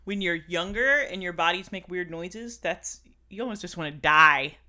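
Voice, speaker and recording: Frank woman with a bright tone. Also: fairly low pitch, moderate pace. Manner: frank, chatty, laughs along. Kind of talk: casual candid chat.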